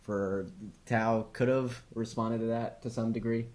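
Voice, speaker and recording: A man's voice: mid-range voice, fairly even intonation, measured pace, darkish tone. A man co-hosting a podcast in casual chat, mostly giving short agreements and a few longer explanations. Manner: supportive listener, frequent short agreements. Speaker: podcast co-host.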